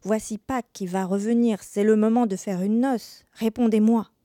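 A man's voice: high-pitched, fairly even intonation, moderate pace, dark tone, no room sound, clean studio sound, close to an everyday voice. A woman voicing a jealous young man, in his early twenties, who insists and begs in a dramatized reading. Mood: pleading. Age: young adult. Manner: pleading, insistent. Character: young man spurned in love, pleading and jealous.

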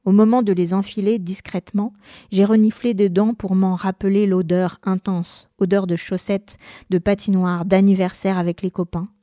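A woman reading a first-person novel aloud in a measured, expressive narrating style. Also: mid-range voice, dry recording, clean studio sound. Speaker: reader.

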